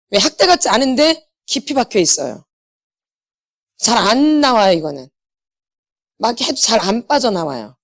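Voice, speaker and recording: A middle-aged woman lecturing at a church healing seminar, emphatic, quizzing her audience and slipping into blunt casual speech. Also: on the high side. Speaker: inner healing ministry lecturer. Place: church meeting hall.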